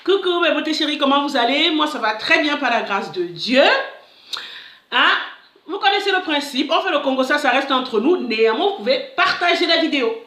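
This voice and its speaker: A life coach tells a personal story in a casual vlog, her high voice brisk and roomy. She's animated, acts out the dialogue, and throws in many interjections.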